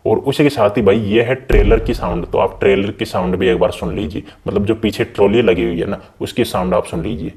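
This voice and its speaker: A man's voice: on the low side, brisk, few pauses, darkish tone. A man hosting a gaming channel, casually walking viewers through a game's settings in a chatty way and often calling them brother. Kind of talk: casual game settings walkthrough.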